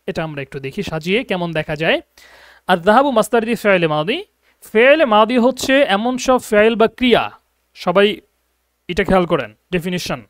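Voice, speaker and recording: A man's voice: sits high, fairly bright tone, dry recording. A man teaching an online Arabic grammar lesson, patiently explaining and often checking that students follow. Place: abroad in Egypt, teaching online.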